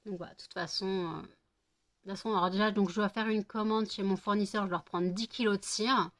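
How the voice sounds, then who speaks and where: A woman's voice: mid-range voice, steady tone, brisk, fairly bright tone. A middle-aged woman at home, chatting to camera between bouts of cooing baby talk to her dogs, rambling with plenty of fillers. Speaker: vlogger and home candle maker.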